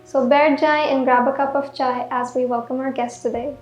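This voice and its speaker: A woman's voice: high-pitched, steady tone, normal speed, reverberant, lo-fi sound, faint music behind. A woman hosting a podcast interview, upbeat and welcoming, who mixes in Urdu words. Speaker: podcast host.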